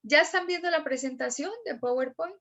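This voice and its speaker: A woman, a teacher giving an online class lecture, explaining step by step and repeating examples slowly. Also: high voice, a bit bright.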